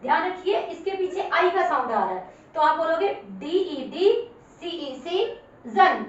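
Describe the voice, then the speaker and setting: Woman teacher, high voice, spells words letter by letter and repeats them; recorded far from the mic with a dull tone. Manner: patient, repeats each word for the learner. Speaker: English teacher. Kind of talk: spoken spelling lesson. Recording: very echoey room, far from mic, dull sound.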